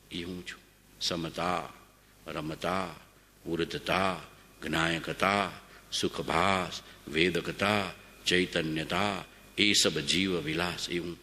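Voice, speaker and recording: A lowish, bright-toned man preaches a devotional sermon. He repeats words in a chanting rhythm and swings from emphatic high lines down to soft, low ones. His voice rings with a long hall reverb. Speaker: spiritual discourse speaker.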